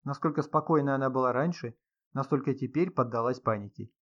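A man reading a detective story aloud in a steady, measured, dramatic narration. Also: mid-range voice. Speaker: audiobook narrator. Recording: slightly dull lo-fi sound.

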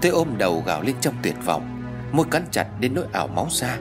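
A man narrating a ghost story as a storyteller with an expressive, dramatic reading. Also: on the low side, a little fast. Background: faint music.

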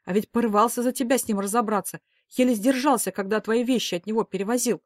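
A woman's voice: a little high, fast, no echo, voice pushed up, lightly acted. Lady doing a fussy worried mom, middle-aged, scolding and pushy, dry sound. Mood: urging. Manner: emphatic pleading and scolding.

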